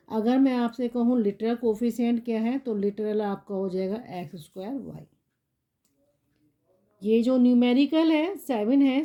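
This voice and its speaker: A woman's voice: fairly high pitch, dark tone. A woman teaching a maths lesson step by step, often asking rhetorical questions and checking in with "theek hai".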